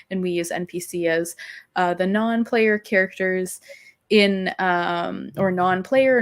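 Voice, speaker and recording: Woman podcast cohost, lowish voice, chatty, lots of ums and likes. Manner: chatty, many fillers and restarts. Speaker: podcast co-host. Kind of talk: casual chat.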